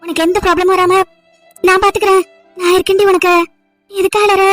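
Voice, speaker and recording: A woman's voice: extremely high pitch, little pitch movement, brisk, fairly bright tone, faint music behind. A woman playing a caring young friend. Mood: comforting. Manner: soothing, reassuring, earnest. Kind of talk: amateur audio drama.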